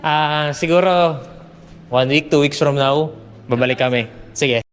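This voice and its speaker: A man's voice: a little high, measured pace. A Filipino man, a native Tagalog speaker, chatting casually as a vlogger and switching between Tagalog and English. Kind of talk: casual vlog chat mixing Tagalog and English. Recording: music over the voice.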